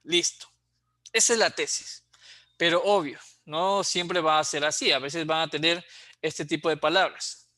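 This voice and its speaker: Male tutor, bright slightly high voice, patient, dry close sound. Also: steady tone, a little slow, no room sound. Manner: explains patiently, checks in with a frequent "¿sí?". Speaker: teacher. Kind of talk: exam prep lecture.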